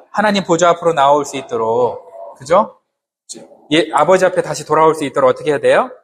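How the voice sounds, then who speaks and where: Guy giving a sermon, kinda high voice, chatty, keeps asking the church stuff, faint noise behind. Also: fairly bright tone. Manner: conversational, asks the congregation questions; humorous asides. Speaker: pastor.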